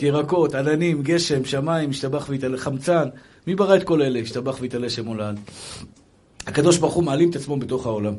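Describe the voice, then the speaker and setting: Giving a Hebrew sermon full of anecdotes, a man tells stories emphatically and addresses his listeners as brothers. His voice is medium in pitch and warm.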